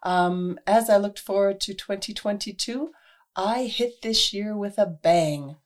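A woman hosting her own radio show, talking casually and earnestly with many fillers, her voice hoarse and husky from recent illness. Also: mid-range voice, unhurried. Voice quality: husky, gravelly.

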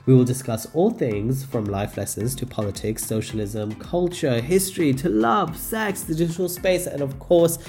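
A man's voice: medium pitch, mellow. A man with a slightly nasal, cold-affected voice, hosting a podcast in an informal, effusive way. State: recovering from a cold. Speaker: podcast host. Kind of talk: chatty show introduction and interview.

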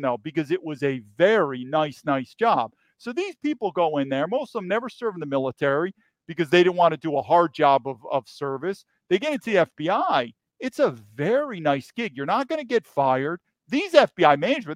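A man's voice: sits high, no room sound. A man who was once a federal agent, talking in an interview with emphatic storytelling and frequent repeated words. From New York. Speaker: guest, former FBI agent. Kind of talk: interview conversation.

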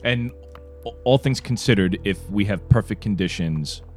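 A man's voice: fairly low pitch, moderate pace, soft background music. Nasal, cold-stricken man ranting. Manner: animated ranting, frequent swearing. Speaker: player and podcast co-host. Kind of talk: casual podcast banter.

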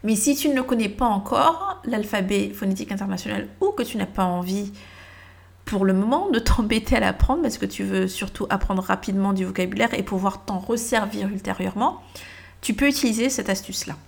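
A woman's voice: mid-range voice, brisk, gravelly, husky. A woman who speaks natively, giving a casual spoken lesson on English pronunciation, thinking aloud and spelling words out letter by letter. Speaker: English teacher.

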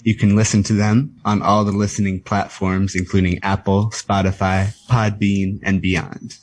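A man's voice: on the low side, little pitch movement, moderate pace, no echo, poor audio. A man hosting a radio show, reading a prepared introduction in a light, wry way.

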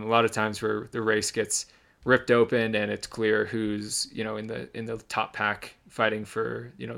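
Speaking in a gravelly, fairly low voice, a young runner tells his podcast co-host audience about a race he ran. The story is relaxed and casual, though riddled with ums and restarts.

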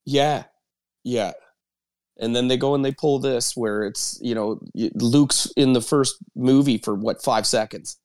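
A man's voice: medium pitch, a little slow, darkish tone, dry recording, clean studio sound. A man giving emphatic opinions in a casual group chat.

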